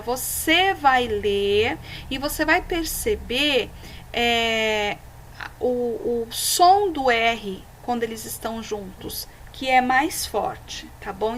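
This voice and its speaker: A woman's voice: on the high side, fairly bright tone, slight background noise, poor audio. Patient woman teaching a lesson. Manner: patient and didactic, checking in with "tá?" and "ok?"; slows down and stresses words when reading examples aloud. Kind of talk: recorded slideshow lesson for children.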